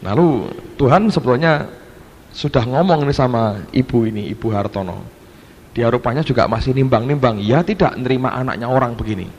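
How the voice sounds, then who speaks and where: A male pastor telling a story in a sermon, animated and acting out quoted voices. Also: mid-range voice, fairly quick, muffled recording. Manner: animated, switches into quoted voices, addresses the congregation as "saudara". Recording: echoey hall with faint background noise.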